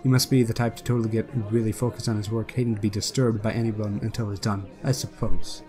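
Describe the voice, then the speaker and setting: A man's voice: lowish voice, flat delivery, quick pace, over music. A man reading a visual novel aloud for a let's play, with casual asides. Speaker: let's player.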